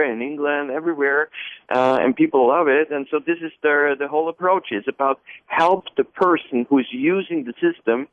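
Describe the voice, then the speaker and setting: A man's voice: a little high, no room sound. Austrian man on a tinny phone line. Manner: long, enthusiastic answers with many fillers and restarts. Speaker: guest. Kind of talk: radio interview answers.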